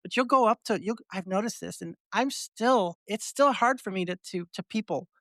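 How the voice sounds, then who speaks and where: A woman's voice: mid-range voice, normal speed, a bit bright, no echo, clean studio sound. A woman hosting a podcast, chatting casually with a guest and rambling through heartfelt thoughts with many restarts. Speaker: podcast host. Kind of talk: casual interview chat.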